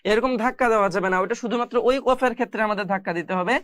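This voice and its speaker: Woman, higher voice, patient Quran reading teacher, dry close sound. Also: no room sound. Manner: patient, repeats each syllable slowly. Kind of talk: spelling out Arabic letter by letter.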